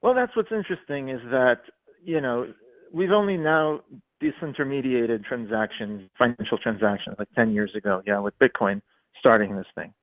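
A male radio caller comes through a narrow, tinny phone line at a middling pitch. He rambles and halts, padding his points with fillers. The studio sound around his voice is dry. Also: dry recording. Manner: rambling, halting with many fillers. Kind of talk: call-in radio chat.

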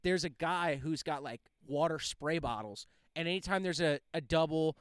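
A man's voice: fairly high pitch, moderate pace, clear, resonant tone, no room sound. A man co-hosting a casual sports podcast, easygoing and saying "dude" a lot. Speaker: podcast co-host.

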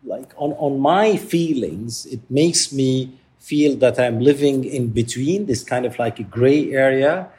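A man from Palestine talks slowly and thoughtfully as an interview guest. He pauses often and restarts sentences while searching for the right words. His voice sits at an ordinary middle pitch. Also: mellow. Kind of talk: reflective interview talk.

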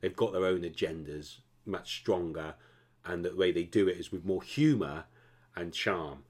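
Male co-host, very low voice, animated and rambling casual film chat. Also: moderate pace, slightly rough. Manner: rambling, animated, asks "you know what I mean?". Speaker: podcast co-host. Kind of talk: casual chat about films.

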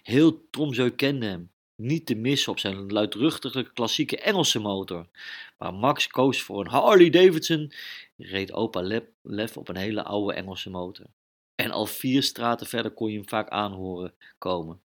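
Lively man telling a children's story. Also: fairly low pitch, a little slow. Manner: lively, dramatic, sound effects.

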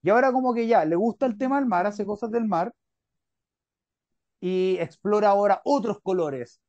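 A man's voice: high-pitched, moderate pace, darkish tone, no echo, muffled recording. A man with a Chilean accent, a podcast host chatting casually, rambling and often checking in with the listener. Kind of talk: casual interview chat.

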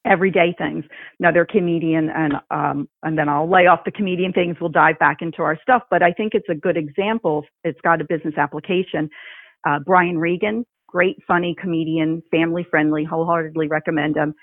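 Brief: woman podcast co-host, a bit low and husky, animated storyteller, thin phone-like audio. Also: brisk, no room sound. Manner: animated storyteller who laughs often. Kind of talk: casual podcast chat. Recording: thin phone-like sound, dry.

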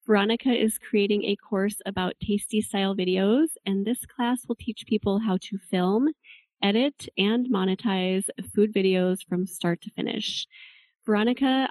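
A woman's voice: medium pitch, a little mellow, no echo. A woman hosting a podcast, upbeat and enthusiastic, reading ads and interviewing a guest. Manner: upbeat, enthusiastic, slows down for web addresses. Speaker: podcast host.

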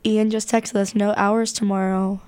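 A woman's voice: mid-range voice, level tone, moderate pace, darkish tone, slight background noise. Playful young woman guest. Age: young adult. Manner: playful, joking asides. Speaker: podcast guest. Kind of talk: casual chat.

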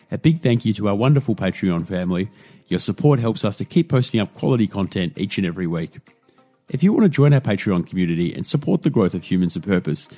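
A man hosting a podcast interview, upbeat and quick to laugh. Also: lowish voice, mellow. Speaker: podcast host.

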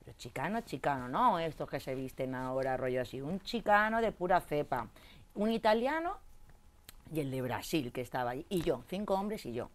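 A woman, an interview guest telling a rowdy story in casual chat, jumping between loud outbursts and low asides. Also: expressive, normal speed. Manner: coarse slangy banter. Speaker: interview guest, tattoo artist.

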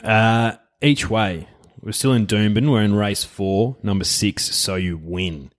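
A man's voice: on the low side, unhurried. An Australian man giving casual horse racing tips as a co-host, chatting like a tipster.

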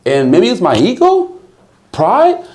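This man's voice is high-pitched and a little mellow, slow, with huge swings in pitch. He's an insurance business owner guesting on a casual podcast, and he keeps things emphatic and motivational, repeating words as he presses his point.

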